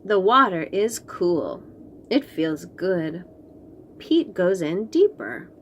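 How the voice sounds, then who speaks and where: A woman reading a picture book aloud to young children, slow and expressive, then chatting about the books. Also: on the low side, slight background noise. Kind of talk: read-aloud storytime for young kids.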